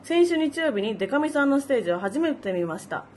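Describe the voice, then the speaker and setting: A woman co-hosts a casual radio chat and reads listener letters aloud. She talks fast and brightly, her voice sitting somewhat high for a woman, with a faint ambient hiss under her. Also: big pitch swings. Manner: chatty and upbeat, with laughing asides. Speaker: radio co-host.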